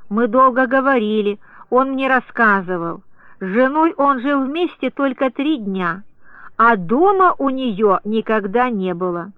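A woman with a high voice reads a diary aloud at a measured, even pace. The recording is dry and narrow-band, tinny like an old radio broadcast. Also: dry recording. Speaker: reader of a diary. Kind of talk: audiobook diary reading.

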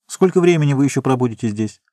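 A man reading aloud, voicing a calm, learned middle-aged geologist who explains things in a measured way. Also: mid-range voice, dry recording, clean studio sound, voice pushed up, natural voice.

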